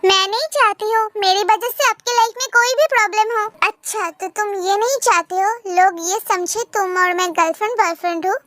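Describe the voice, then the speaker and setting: A woman's voice: very high voice, a little fast, few pauses, bright, forceful tone, no echo. Woman doing a teasing confident older man. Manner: teasing, playful. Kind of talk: amateur fan dub.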